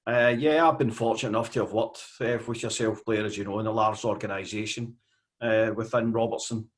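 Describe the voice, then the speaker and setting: A Scottish man in his fifties, a podcast guest talking casually with many fillers and pauses. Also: on the low side, fairly even intonation. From Scotland. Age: 50s. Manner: hesitant, with frequent fillers. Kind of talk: casual interview.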